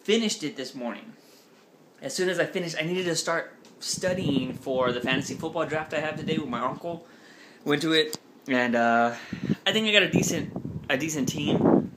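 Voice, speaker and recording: A young American man vlogs casually, rambling, joking and cutting himself off mid-sentence. His voice is fairly high, his pace moderate, and there's noise in the background.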